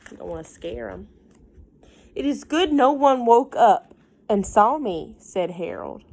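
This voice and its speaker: With a gravelly voice, a female teacher slowly reads a picture book to little kids, her pitch swinging with animation. Now and then she breaks from the text to offer easy explanations or pose questions to her young audience.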